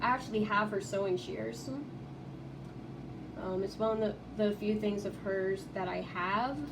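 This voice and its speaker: A young woman records a casual vlog in her college dorm room. She rambles and restarts her sentences, filling gaps with ums. She sits some way from the mic, with steady noise around her. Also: mid-range voice, a little slow, distant mic. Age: young adult. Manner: rambling, many fillers and restarts. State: tearful, voice breaking. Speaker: vlogger.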